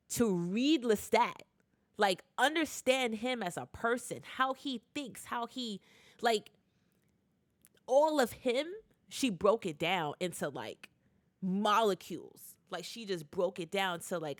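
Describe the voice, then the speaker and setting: A woman's voice: mid-range voice, no echo, studio quality. A woman recapping a TV show in a casual vlog, retelling scenes with lots of fillers and restarts. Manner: animated retelling with acted quotes, many fillers and restarts. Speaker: TV recap YouTuber.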